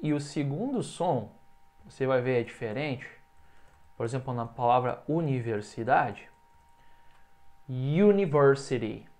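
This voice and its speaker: A man's voice: medium pitch, animated, darkish tone. Male English teacher drilling words to repeat. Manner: explains in Portuguese, then says English words slowly for the learner to repeat; checks in often with quick casual asides. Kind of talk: recorded online language lesson.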